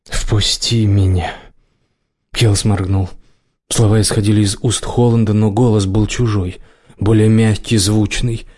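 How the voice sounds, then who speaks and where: A man narrating an audiobook in a steady, dramatic storytelling manner. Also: lowish voice, moderate pace.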